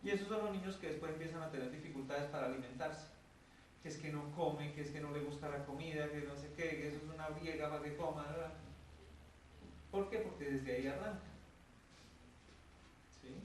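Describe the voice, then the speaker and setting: A man's voice: on the high side, a little hiss or hum. A man with a Colombian Spanish accent gives a lecture in a conversational way, often asking his listeners "¿sí?" and acting out what mothers say. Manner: conversational, often checks in with "¿sí?", acts out quoted mothers. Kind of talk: lecture to an audience. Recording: very echoey room, mic far off, faint ambience.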